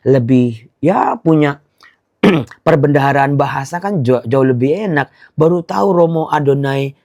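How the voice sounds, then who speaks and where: A middle-aged man, a priest, teaching the Bible in a casual, conversational way and chanting prayer phrases in a slow monotone. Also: medium pitch.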